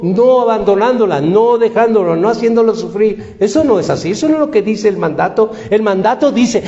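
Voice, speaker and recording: A man's voice: high voice, mellow. A man preaching a sermon in an emphatic style, asking the congregation repeated rhetorical questions. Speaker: pastor. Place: church hall. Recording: echoey church hall, dull lo-fi sound.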